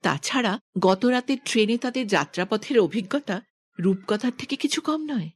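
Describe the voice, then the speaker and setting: A woman's voice: medium pitch, animated, normal speed, husky. A woman reading scripted narration as a voice-over artist.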